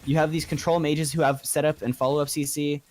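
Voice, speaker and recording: A man calls play-by-play on a live video game match, turning excitable when the action hits. His voice is on the high side and a little fast.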